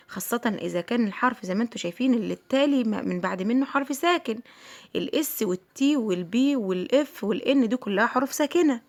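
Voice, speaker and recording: A middle-aged woman with an Egyptian Arabic accent teaching English letter sounds to children, patiently repeating each sound and checking in with her pupils. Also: on the high side. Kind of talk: phonics lesson for children.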